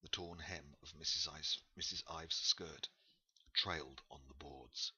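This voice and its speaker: A man narrating a novel in a measured, unhurried storytelling manner. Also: extremely low pitch, fairly even intonation, bright, forceful tone, slightly rough, lo-fi sound. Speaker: audiobook narrator. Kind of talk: scripted narration.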